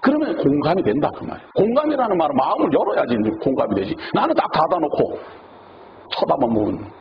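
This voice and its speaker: Delivering his sermon fast in a slightly high voice, the pastor animatedly performs the quoted lines of others. It's captured in a dull, noisy, low-fidelity recording.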